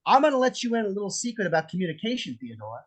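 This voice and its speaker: A menacing, jealous husband with a gun, acted by a man at a script read. He is sarcastic and foul-mouthed, with theatrical, very animated swings in pitch. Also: very fast. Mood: suspicious. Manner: theatrical, mocking, profane. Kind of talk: table read of a film script. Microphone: video call.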